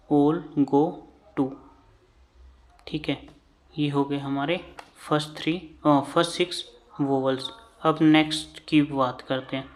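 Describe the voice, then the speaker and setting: A man with an Indian English accent teaching shorthand vowels, patiently repeating each term while he writes. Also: on the high side. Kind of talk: slow classroom lesson at a board.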